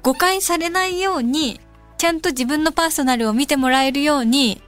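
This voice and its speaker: A young adult woman from Kansai hosting a radio show, reading listener mail and musing aloud in a relaxed, casual way. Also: sits high, fairly quick. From Kansai, Japan. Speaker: radio host. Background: soft background music.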